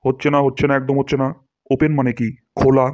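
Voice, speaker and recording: A man's voice: mid-range voice, little pitch movement, fast, a little mellow, no echo, natural voice. A man voicing a boastful, pompous male English teacher in a cartoon, scolding his pupils and acting out each word theatrically.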